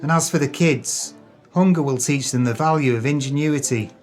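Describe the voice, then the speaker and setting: In an audio drama, a male actor plays a jealous, callous swindler, his medium-pitched, darkish voice sneering and self-pitying through grandiose, wordy lines. The mood is bitter and resentful, spoken at a normal pace with light acting and faint music in the background.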